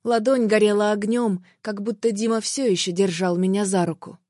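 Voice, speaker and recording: A woman's voice: medium pitch, fairly even intonation, moderate pace, mellow, no echo, studio quality. A woman narrating a tense, emotional first-person story as an audiobook.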